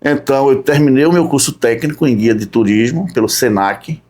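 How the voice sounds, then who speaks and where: A man from Recife, a podcast guest talking through his tourism work in an unhurried way. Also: medium pitch, a little mellow. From Recife, Brazil. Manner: unhurried, lists his work step by step with frequent "né?". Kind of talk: casual interview chat.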